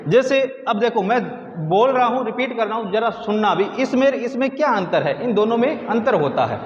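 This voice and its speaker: A man's voice: extremely high pitch, expressive, moderate pace. A male Hindi grammar teacher giving a classroom lesson, asking questions and answering them himself, repeating key words. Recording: roomy lo-fi classroom recording, faint noise.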